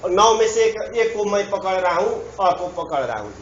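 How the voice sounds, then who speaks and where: High-voiced man teaching grammar, muffled. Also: big pitch swings, crowd noise. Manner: drawn-out, repeats and prompts students for answers. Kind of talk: classroom lecture with call-and-response.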